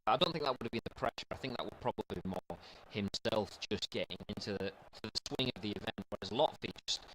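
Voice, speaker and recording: A man doing color commentary for an esports football stream from a studio. His voice is low but has a bright, forceful edge. He talks through his analysis in a measured, halting way, over a faint hiss. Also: rough recording.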